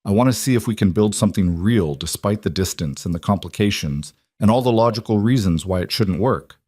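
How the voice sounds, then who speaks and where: A reserved, earnest woman CEO speaks softly in a storybook, as a male narrator puts her on. The voice sits a touch above his own low range and stays quiet. The sound is dry and close. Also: animated, fairly quick, no echo. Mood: tender.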